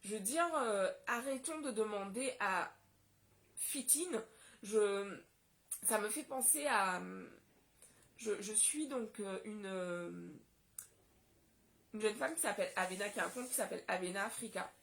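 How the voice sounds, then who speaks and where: A woman's voice: mid-range voice, unhurried, long pauses, a bit bright. A woman from Guadeloupe talking straight to her audience in a casual solo vlog, impassioned and indignant. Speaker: vlogger.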